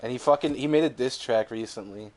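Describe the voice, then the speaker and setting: A man's voice: mid-range voice, quick pace, darkish tone. A young man co-hosting a podcast in casual chat, rambling and swearing freely, laughing often. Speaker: podcast co-host.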